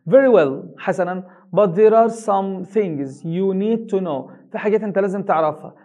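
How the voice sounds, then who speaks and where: An English teacher with an Egyptian Arabic accent, who reads a story slowly in English and translates each line quickly into colloquial Arabic. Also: male voice, high voice, darkish tone. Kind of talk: reading an English reader aloud line by line and translating it.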